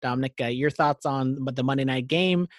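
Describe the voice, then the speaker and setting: A man's voice: mid-range voice, fairly quick, no echo, clean studio sound. A man co-hosting a casual sports podcast, running through game previews and teasing his co-host. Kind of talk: casual sports picks chat.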